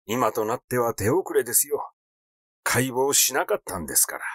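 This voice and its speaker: In a dry, studio-quality audiobook recording, a man voices a cautious male doctor who comes across as formal, dismissive, evasive and defensive. His medium-pitched voice has big pitch swings and a fairly bright tone at normal speed.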